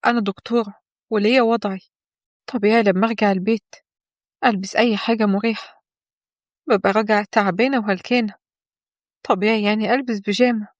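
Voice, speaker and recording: A weary young wife and doctor, as a woman narrator plays her in an Egyptian audio story, talking fast and pleading. The voice sits at a middle pitch, and the recording is dry and close. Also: fairly even intonation, no echo, lightly acted. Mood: hurt, upset. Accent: Egyptian Arabic.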